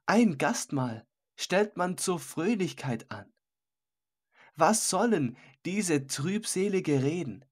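A scoffing, carefree host in an audiobook, voiced by a man with a raised, loud voice that brushes warnings aside. The tone is husky and the delivery slow and unhurried. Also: on the high side, full character voice. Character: jovial scoffing male host, carefree and mocking. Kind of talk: audiobook character voice.

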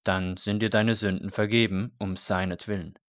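A man's voice: fairly low pitch, little pitch movement, normal speed, dry recording, studio quality, lightly acted. A man voicing a fervent male priest who urges a condemned prisoner toward faith with earnest intensity.

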